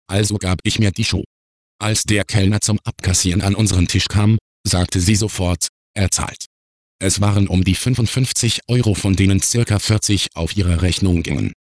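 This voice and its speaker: A man reading out an anonymous confession as scripted narration, in an even, matter-of-fact storytelling manner. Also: low voice, no room sound, studio quality.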